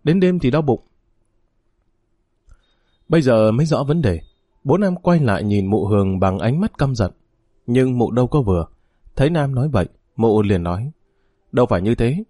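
A man's voice: mid-range voice, animated, normal speed, pauses often, mellow, no echo, clean studio sound. Man narrating a family drama story.

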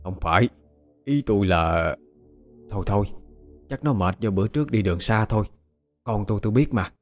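A hesitant, worried rural father, as a male narrator puts him on. He speaks haltingly, full of pauses, over faint music. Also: lowish voice, lively intonation, close to an everyday voice. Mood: backing down.

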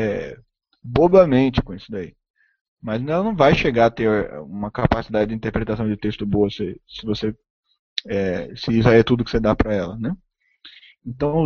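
A man's voice: mid-range voice, a little mellow, dry recording. A man giving an opinionated lecture, speaking emphatically and checking in constantly with tag questions. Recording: dull, dry lo-fi recording.

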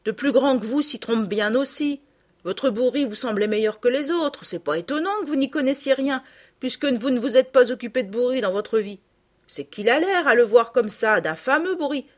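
A woman's voice: fairly high pitch, expressive, normal speed, voice pushed up. A woman voicing a kindly rustic peasant boy with folksy country speech. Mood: consoling.

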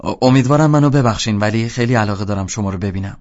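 A man voicing a teenage boy who deepens his voice to sound older, hesitant and overly polite. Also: darkish tone, lightly acted. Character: teenage boy faking a grown-up voice. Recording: dull lo-fi audio.

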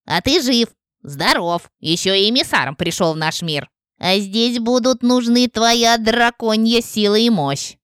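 A woman voicing a female witch ghost who talks in a calm, scornful and biting way. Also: fairly high pitch, unhurried, clean tone, no room sound, clean studio sound, voice pushed up. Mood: mocking. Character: mocking female witch ghost, cool and sharp.

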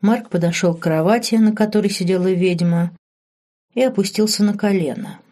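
A woman narrating a fantasy novel audiobook in a steady storytelling manner. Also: medium pitch, moderate pace. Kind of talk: scripted narration.

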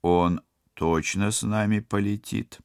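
A careful cyborg navigator who chooses his words slowly and hesitantly, as a male narrator voices him. His voice is deep and slightly rough. The close, dry sound of the reading keeps every word near. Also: fairly even intonation, no echo. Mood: cautious.

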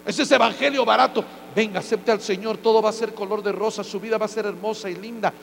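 A man's voice: high-pitched, steady tone, quick pace, vocal fry. A man preaching a sermon as pastor. He preaches with joking asides and acts out quotes. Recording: hall reverb with faint mains hum.

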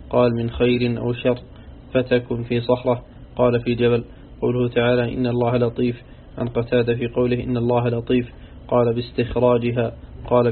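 A man reading aloud from a classical Quran commentary in a steady, scholarly recitation, going through quoted sayings one after another. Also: medium pitch. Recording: tinny phone-like audio with faint hiss.

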